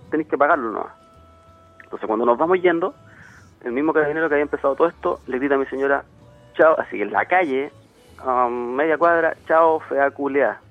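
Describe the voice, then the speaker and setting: A man with a Chilean accent tells his account at a rapid clip, acting out what others said as he goes. He comes through a thin, tinny phone line with no room sound around him. His pitch sits in an ordinary middle range. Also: dry recording. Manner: rapid retelling full of quoted dialogue. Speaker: interviewee on a radio call.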